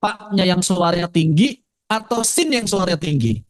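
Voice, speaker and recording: A man with an Indonesian accent teaching Quran recitation in a casual lecture, asking the class questions and slowing down to demonstrate words. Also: high voice. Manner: lively, asks the audience questions; slows right down to demonstrate recitation.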